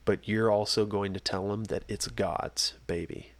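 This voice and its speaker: A young man co-hosting a casual podcast chat, animated and full of rhetorical questions, coughing now and then from a scratchy throat. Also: on the low side, measured pace, no room sound. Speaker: podcast co-host.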